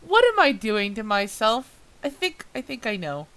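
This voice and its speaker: A woman's voice: on the high side, very animated, moderate pace, fairly bright tone. A woman reading a fan story aloud who keeps stumbling, swearing and laughing at her own mistakes in a self-mocking, exasperated way. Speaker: reader of a fan-fiction audio drama. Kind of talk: blooper reel while reading aloud.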